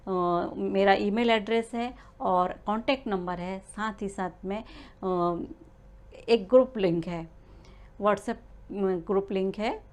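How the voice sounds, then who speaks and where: A prenatal learning coach gives a spoken lesson to expecting mothers in a medium-pitched, slightly mellow voice. She explains step by step, with frequent "uh" fillers and small restarts.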